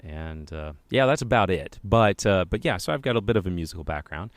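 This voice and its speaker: A man co-hosts a podcast in a low, dry-sounding voice. He is upbeat and enthusiastic, chatting casually and leaning on fillers like "uh" and "you know.". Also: lively intonation, fairly quick, no echo. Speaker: podcast co-host. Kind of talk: casual chat.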